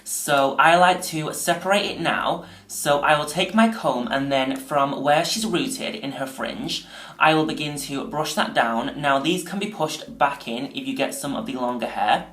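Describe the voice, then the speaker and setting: A man's voice: a little high, unhurried, a bit bright. A man chatting casually through a doll-fixing tutorial, rambling with lots of "like" and "um", his voice ringing with the echo of a small tiled bathroom. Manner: chatty, filler-heavy, says "like" and "um" often. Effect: echoey tiled bathroom sound. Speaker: doll restoration vlogger. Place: home bathroom by the sink.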